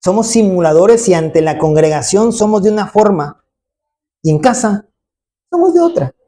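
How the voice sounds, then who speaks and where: Mellow-voiced preacher, emphatic. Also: mid-range voice, normal speed. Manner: emphatic, frequent rhetorical tag questions, acts out quoted voices. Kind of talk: sermon. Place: church congregation.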